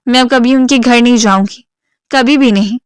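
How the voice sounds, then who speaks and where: A gentle young woman of twenty-one who pleads softly, voiced by a woman narrator. Her voice is fairly high and smooth, with a dry, close audiobook sound. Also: no room sound, natural voice. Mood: tearful. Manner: soft and pleading.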